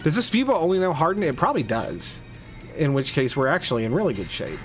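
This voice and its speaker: Animated chatty man narrating a game. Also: a little high, fast, faint music behind. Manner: chatty, rambling, frequent restarts and fillers. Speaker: host of a game playthrough podcast. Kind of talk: casual let's play commentary.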